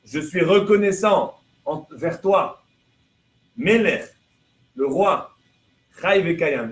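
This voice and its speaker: A man's voice: fairly high pitch, a bit bright. Man teaching a class in an echoey room. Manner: explains through chains of rhetorical questions; translates prayer lines phrase by phrase. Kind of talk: religious lesson to a live audience. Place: room with listeners present. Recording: echoey room with faint background noise.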